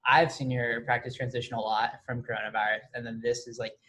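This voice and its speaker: A man's voice: mid-range voice, flat delivery, brisk, a bit bright. A man interviewing an artist in a casual, chatty way, filling his questions with "like". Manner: chatty, heavy use of like.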